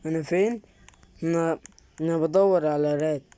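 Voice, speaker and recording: Making a role-play film in Roblox, this Egyptian Arabic-accented woman ad-libs casually, full of exclamations, questions and repeated phrases. She sounds low and warm, with fairly even intonation at a normal pace, over slight background noise.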